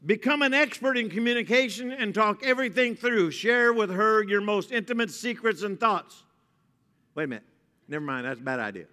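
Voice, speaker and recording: Bright-voiced American preacher man at a pulpit microphone. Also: high voice, lively intonation, brisk. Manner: folksy, joking, repeats phrases for emphasis. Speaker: pastor preaching to a congregation. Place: large indoor church hall. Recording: long hall reverb from pulpit microphone.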